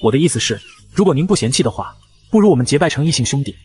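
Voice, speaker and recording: A man's voice: medium pitch, expressive, racing, darkish tone, faint music behind, close to an everyday voice. A man narrating a comic story, voicing a frail elderly clan patriarch who speaks solemnly and formally. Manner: solemn, courteous.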